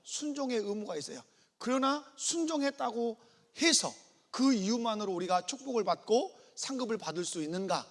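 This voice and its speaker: A man's voice: high-pitched, lively intonation, moderate pace, big-room sound. A man preaching a sermon as pastor, acting out little dialogues and calling for the congregation's response. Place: church sanctuary.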